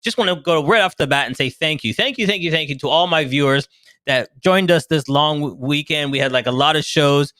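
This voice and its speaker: An upbeat man hosts a casual talk show, greeting viewers and guests with enthusiasm and repeating his words. His voice is bright and a little high, and it is recorded dry and close. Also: a little fast, dry recording. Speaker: show host.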